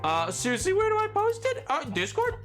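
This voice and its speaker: Hyper streamer guy joking around, bright voice, really swoopy pitch, music behind him. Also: fairly quick. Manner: excitable, joking, repeats words. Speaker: game streamer. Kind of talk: casual livestream chat while gaming.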